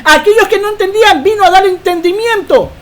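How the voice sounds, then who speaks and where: A woman preacher giving a Bible teaching sermon, emphatic and quick to ask rhetorical questions. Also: extremely high pitch, a bit bright.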